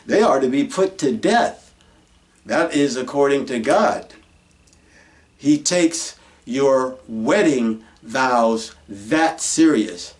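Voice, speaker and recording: A man preaching in a slow, deliberate way, leaning hard on each point and answering his own rhetorical questions. His voice sounds a little distant from the microphone. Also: mid-range voice, a little mellow. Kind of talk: folksy sermon on the commandments.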